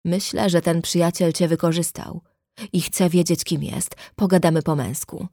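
A woman's voice: fairly low pitch, steady tone, normal speed, gravelly, mellow, no room sound, clean studio sound. A woman voicing a hot-tempered, protective young man in a read-aloud story. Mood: tense. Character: angry protective young adult brother.

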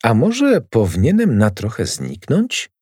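A man playing a wary grown man who lies smoothly and coaxes his neighbour with an ingratiating tone. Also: medium pitch, wildly swooping pitch, a little slow, darkish tone, dry recording, clean studio sound, full character voice. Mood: brooding. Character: wary, scheming grown man, a calm liar.

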